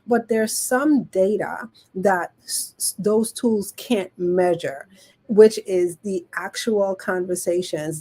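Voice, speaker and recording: A woman's voice: mid-range voice, warm tone, slightly rough. A woman with a Caribbean island accent, teaching conversationally as a show host, repeating phrases for emphasis and often checking in with her listeners. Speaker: show co-host, business coach. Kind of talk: conversational teaching talk to an online audience.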